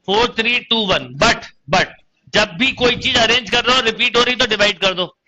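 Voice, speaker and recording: A man's voice: very high-pitched, normal speed, pushed and bright, highs cut off, a little hiss or hum. A young man with a Hindi accent teaching math in an online coaching lecture, calling students "beta" and counting through each step aloud. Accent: Indian Hindi.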